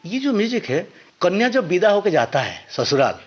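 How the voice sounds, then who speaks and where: A man explains things patiently, like a teacher working through each step. His voice sits high for a man and swings widely up and down. He speaks as a musician guest in an interview. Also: big pitch swings, normal speed, lo-fi sound, loud music behind the voice.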